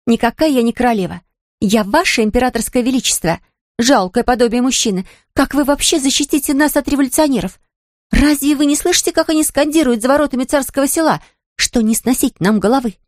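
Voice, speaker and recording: A woman's voice: sits high, fast talker, no echo, natural voice. A woman reading an audiobook, voicing a playful young woman who puts on a haughty, theatrical manner, in a dry studio.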